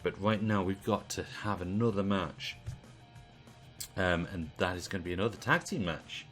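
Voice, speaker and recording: A British man giving casual play-by-play commentary on a video game wrestling stream, chatty and relaxed. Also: low voice, normal speed, faint music behind. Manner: chatty, relaxed, asks the audience.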